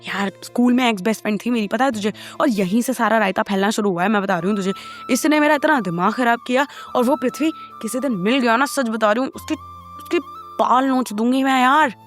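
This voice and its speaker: A woman's voice: fairly high pitch, a little fast, faint music behind, natural voice. A woman voicing a short-tempered young female office boss who snaps bluntly and repeats herself when angry. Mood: furious.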